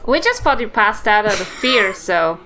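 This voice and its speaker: A woman's voice: medium pitch, big pitch swings, moderate pace, pushed and bright, low-quality recording. A woman player chatting casually in a tabletop role-playing game, speaking in character as a very old woman. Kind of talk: casual improvised game chat.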